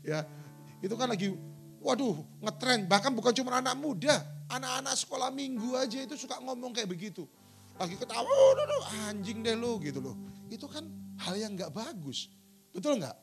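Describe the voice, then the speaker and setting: A man's voice: very high-pitched, lively intonation, brisk, creaky, fairly bright tone, faint music behind. A middle-aged male pastor preaching a sermon in a church, telling stories and acting out quotes. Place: church sanctuary.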